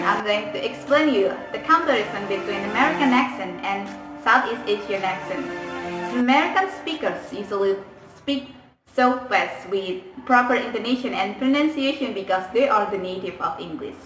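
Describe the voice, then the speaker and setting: A young woman presents to her university class, explaining each point carefully in plain words. Her voice is slightly high. The recording is roomy and distant, with faint music under it. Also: fairly bright tone. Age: young adult. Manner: careful, explanatory, simple phrasing. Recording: echoey room from far off, faint music behind.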